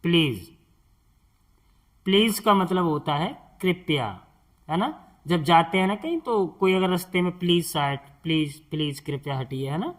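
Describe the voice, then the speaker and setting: A man's voice: fairly high pitch, animated, unhurried. A man teaching beginners, spelling out words letter by letter and patiently asking the listener questions. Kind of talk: spoken English lesson for beginners.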